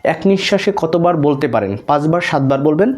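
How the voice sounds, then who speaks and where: A man with a Bangladeshi accent teaching English letter sounds, repeating each one slowly and deliberately. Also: a little high, a little mellow. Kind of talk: slow drilled pronunciation lesson.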